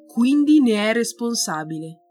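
A woman's voice: on the high side, very animated, unhurried, a little mellow, faint music behind. A woman voicing a stern old male army general in a read-aloud storybook, speaking in a cold, commanding, formal way.

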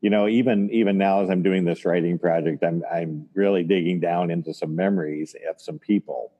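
A man talking over a video call in a reflective conversation, thoughtful and halting as he recalls the past. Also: low voice, fairly even intonation, dark tone. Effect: voice heard over a video call. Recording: dull, lo-fi video call audio.

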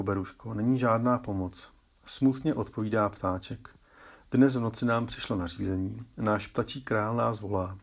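A gentle little male songbird from a fairy tale, voiced by a man. He speaks in soft singsong rhymes, tender and devoted. The voice stays low and gravelly, with a husky edge. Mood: sad. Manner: soft singsong rhyming lines.

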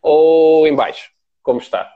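A man's voice: fairly high pitch, steady tone, a little slow. Dull-sounding European Portuguese man chatting informally. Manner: informal, slangy. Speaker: entrepreneur, brand owner. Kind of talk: casual chat.

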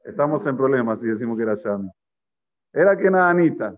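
A man's voice: medium pitch, lively intonation, fairly quick. A man teaching a Torah class, telling stories and putting questions to his listeners. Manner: storytelling, poses questions to listeners, mixes in Hebrew terms. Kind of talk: Torah class to a live group. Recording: lo-fi recording.

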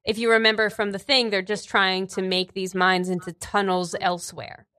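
A woman game master casually describing scenes in a tabletop game, halting as she thinks aloud. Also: mid-range voice, little pitch movement, pushed and bright, no room sound.

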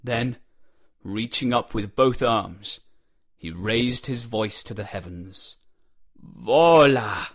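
A man reading a dramatic storybook prologue aloud in a slow, measured way. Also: fairly low pitch, a bit bright, slightly rough. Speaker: audiobook reader. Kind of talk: storybook narration.

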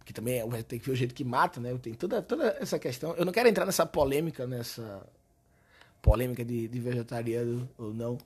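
A hoarse, hungover man with a Brazilian accent, telling stories in a slangy, animated, sweary way as a comedian hosting a casual podcast. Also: medium pitch, quick pace. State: hoarse from a hangover and shouting. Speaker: podcast host and stand-up comedian. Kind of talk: casual comic podcast monologue.

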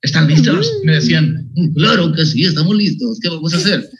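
Mexican man, animated storyteller, laughs a lot, higher voice; dull, echoey recording. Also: a little fast. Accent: Mexican Spanish. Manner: laughing, animated anecdotes with slang. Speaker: podcast guest, motivational speaker. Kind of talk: casual storytelling chat. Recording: echoey room, dull lo-fi sound.

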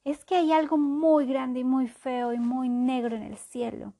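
A woman's voice: high-pitched, fairly even intonation, unhurried, dark tone. A woman voicing a worried little girl in a children's story.

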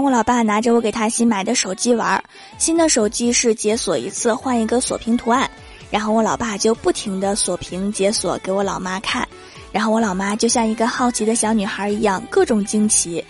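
A young woman hosting a comedy show, telling comic stories in a lively, teasing way. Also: on the high side, brisk, faint music behind. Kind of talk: scripted comic monologue.

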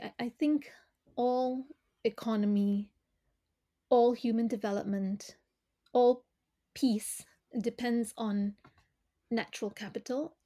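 A middle-aged woman from Malaysia speaks as a podcast guest, her voice on the higher side yet warm and mellow. She answers in a measured, reflective way, pausing on fillers as she builds her points. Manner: thoughtful, measured, with frequent fillers. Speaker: podcast guest, former corporate director.

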